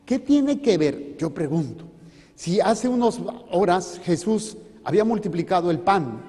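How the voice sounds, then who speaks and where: A priest preaching a sermon in a church, joking and putting questions to the congregation. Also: male voice, sits high, sing-song, a little slow, dark tone, husky. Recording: reverberant hall.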